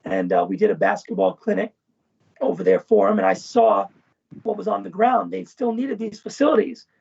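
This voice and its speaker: A former event manager and professor speaks as an interview guest over a muffled video call. His high-pitched voice is very animated at normal speed, with vocal fry, a slightly mellow quality, and a breathy edge. He's casual and expansive, often tagging points with "right?" and "you know."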